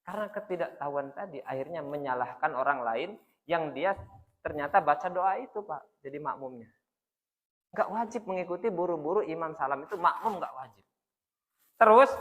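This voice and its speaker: A man's voice: high voice, brisk, fairly bright tone. A man giving a religious study lecture in a mosque, explaining prayer rules step by step and addressing the men in the audience as "Pak" again and again. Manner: demonstrates recitations by chanting them. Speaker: Islamic religious teacher. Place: mosque hall. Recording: long echo of a mosque hall.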